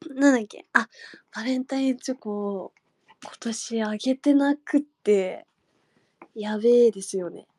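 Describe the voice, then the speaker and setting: A young woman chatting casually with fans on a livestream, giggling and dropping into soft murmurs and whispers. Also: high voice, dry recording, clean studio sound. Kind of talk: casual chat.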